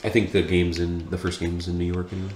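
A man co-hosting a video game playthrough, tossing out quick jokes with his friends. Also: sits low, level tone, a little mellow. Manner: quick, joking. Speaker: let's play co-host. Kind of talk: casual gaming banter. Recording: echoey room, faint hiss.

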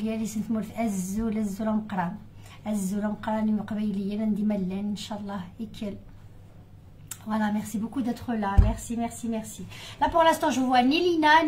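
A woman with a fairly high voice hosts a live cooking stream in a relaxed, chatty way. She greets viewers by name with affectionate words. She grew up in Algeria. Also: a little hiss or hum, poor audio. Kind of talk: casual live chat with viewers.

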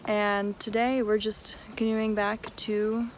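A woman's voice: medium pitch, takes it slowly, a little hiss or hum. A young woman chatting casually in a travel vlog, talking into a phone held at arm's length outdoors. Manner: chatty, relaxed, with fillers and likes. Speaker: vlogger. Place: outdoors at a lakeside forest campsite.

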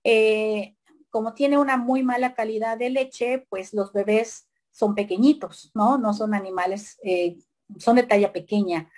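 A woman gives a slide lecture in a relaxed, talkative way. Her voice sits a little high, and she pads her sentences with fillers and tag questions. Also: unhurried.

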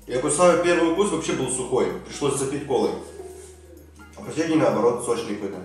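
A man's voice: medium pitch, animated, a little fast, very echoey, distant mic, faint music behind. A man reviewing a burger in a casual vlog, talking through a mouthful of food. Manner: chewing while talking, muffled.

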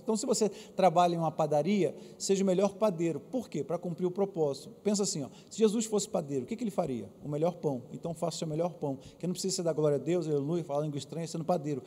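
Brazilian pastor, male, high and dark-toned, lively sermon delivery in a reverberant church hall. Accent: Brazilian Portuguese. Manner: lively preaching, asks the congregation to answer aloud. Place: church auditorium.

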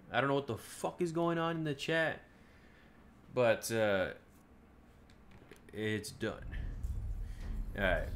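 A man's voice: mid-range voice, fairly bright tone, a little hiss or hum. A man live streaming a shooter game, chatting casually and swearing with his viewers. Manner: laid-back, profane, chatting to viewers. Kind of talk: casual gameplay commentary.

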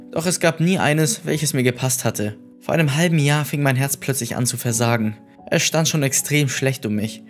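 A man narrating horror stories in a measured, scripted storytelling manner. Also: medium pitch.

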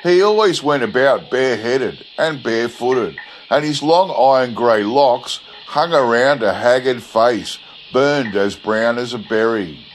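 Male narrator for literary storytelling: mid-pitched, unhurried, measured delivery. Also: expressive, a little hiss or hum, poor audio. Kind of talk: scripted narration of an old bush yarn.

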